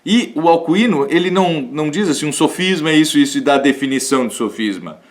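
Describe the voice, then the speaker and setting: A man's voice: on the high side, lively intonation, fast talker. A man from Rio do Sul giving a live-streamed lecture on classical rhetoric. He thinks aloud, restarts sentences and adds tag questions often.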